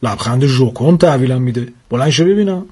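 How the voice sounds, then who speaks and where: A man's voice: mid-range voice, expressive, darkish tone, slightly rough. A man voicing a grumpy, melodramatic older father who scolds and complains in a comic story. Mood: scolding.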